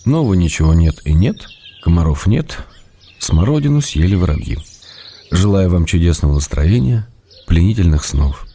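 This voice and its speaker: An actor reads letters in a radio play as an ironic yet tender male writer, full of teasing mock-dramatic irony. His voice is deep, dark and expressive at a normal speed, and there's a little hiss or hum.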